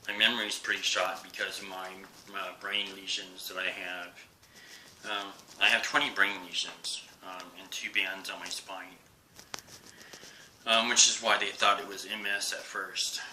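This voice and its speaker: A man in his forties speaking to a camera in a personal vlog, halting with many pauses and fillers, sometimes dropping to a soft whisper. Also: deep voice, little pitch movement, a little hiss or hum, rough recording. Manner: drops to a soft whisper at times. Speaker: vlogger. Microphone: camera he faces while recording.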